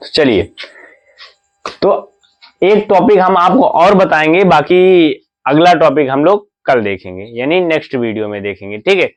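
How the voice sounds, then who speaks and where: A man's voice: on the high side, lively intonation, unhurried, no room sound, muffled recording. Man teaching grammar, fond of rhetorical questions. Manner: repetitive rhetorical questions, answers himself; says "thik hai" often. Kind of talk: classroom explanation.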